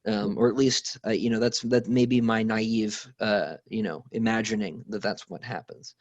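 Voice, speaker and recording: A man's voice: on the low side, steady tone, normal speed, dry recording, highs cut off. A man hosting a casual conversation who speaks thoughtfully and hedges with fillers. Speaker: host.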